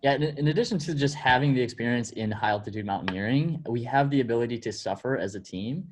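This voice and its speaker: A man pitching his team in a determined, steady way. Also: fast, slight background noise. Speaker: team member.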